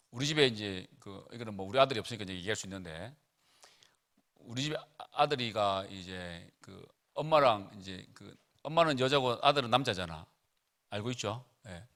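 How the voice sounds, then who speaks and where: A man's voice: medium pitch, fairly bright tone. A middle-aged man preaching casually to teenagers at a retreat, chatty and joking as he tells family stories.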